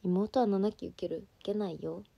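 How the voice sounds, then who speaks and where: A woman's voice: mid-range voice, steady tone, normal speed, vocal fry, breathy edge, lo-fi sound. A young woman from Fukuoka with a Hakata accent, an idol chatting casually on a livestream, rambling with fillers and giggling as she reads fan comments. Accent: Hakata dialect. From Fukuoka, Japan.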